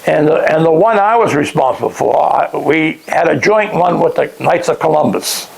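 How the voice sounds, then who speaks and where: An older man, recalling lodge days in a casual interview, halting and restarting often. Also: on the high side, creaky, rough recording. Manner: halting, many restarts, chuckles at his own remarks. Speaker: interviewee, past lodge master. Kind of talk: casual oral-history interview.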